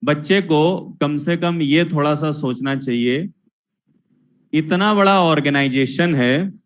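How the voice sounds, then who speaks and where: High-voiced man scolding a class. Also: takes it slowly. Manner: scolding, repetitive, lecturing students. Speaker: teacher. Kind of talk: classroom lecture.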